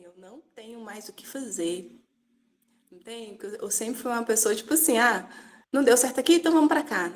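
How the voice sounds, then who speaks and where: A woman's voice: medium pitch, vocal fry. A woman with a Brazilian Portuguese accent giving an earnest, conversational personal testimony, often asking "né?" and "sabe?".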